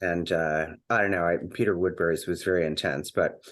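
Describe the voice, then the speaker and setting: Low-voiced man hosting, rambling and hesitant. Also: fairly even intonation, a little fast, a bit bright. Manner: rambling, hesitant with many fillers and restarts. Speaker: podcast host. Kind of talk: casual conversational interview.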